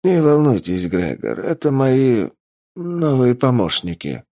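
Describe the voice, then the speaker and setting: A man voicing a mild male professor who answers in a polite, placating way, a little above his own pitch. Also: wildly swooping pitch, slow pace, mellow, heavily acted.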